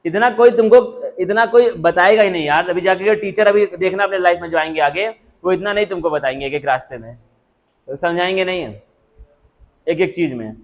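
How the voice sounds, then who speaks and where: A man's voice: high voice, fairly quick. A man teaching a coaching class, scolding his students in a stern, repetitive lecturing manner. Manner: stern, lecturing, repeats himself.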